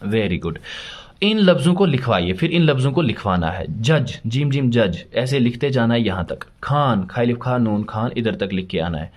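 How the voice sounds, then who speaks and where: A man teaching a first-grade lesson, spelling words letter by letter and patiently encouraging young pupils. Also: mid-range voice. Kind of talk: children's alphabet lesson.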